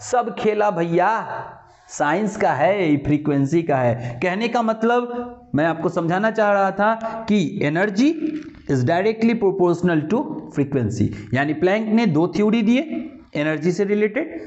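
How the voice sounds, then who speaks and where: Male teacher, playful explainer who acts out voices; high voice, muffled lo-fi sound. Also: expressive, takes it slowly, darkish tone, echoey room. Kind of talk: explanatory lecture. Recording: dull lo-fi recording.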